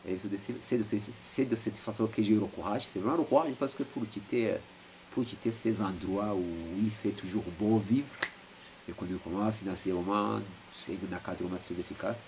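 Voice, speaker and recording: Speaking at normal speed with fairly even intonation, a man with a lowish voice takes interview questions at home. The interviewee, a Rwandan philosopher in his forties, hesitates frequently and repeats words, and the recording picks up lots of background noise.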